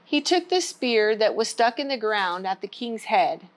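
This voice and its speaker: At a church children's storytime, a woman host reads a storybook aloud in simple words meant for young kids. Her voice sits on the high side, with a sing-song lilt and a measured pace, and she speaks to the children in a plain, child-directed way.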